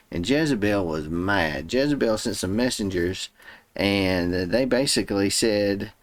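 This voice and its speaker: A man with a fairly low voice retells Bible stories in an easy, conversational way. He paraphrases loosely as he goes, and the sound is dry and close. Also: gravelly, dry recording. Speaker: Bible reading host. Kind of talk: casual Bible story retelling.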